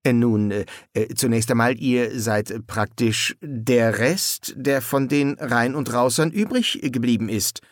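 A man's voice: mid-range voice, measured pace, hardly any pauses, no echo, clean studio sound, lightly acted. A man doing a stammering young scribe. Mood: nervous. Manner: hesitant, full of "uh" and stammers. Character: nervous young male scribe who stammers. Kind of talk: audiobook character voice.

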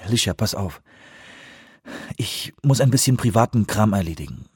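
A man's voice: on the low side, animated, moderate pace, breathy edge, no room sound, clean studio sound. A man voicing a character who gasps out his words between bursts of laughter, in a German audiobook reading. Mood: earnest. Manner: breathless, laughing through words. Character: man, shaken by a laughing fit.

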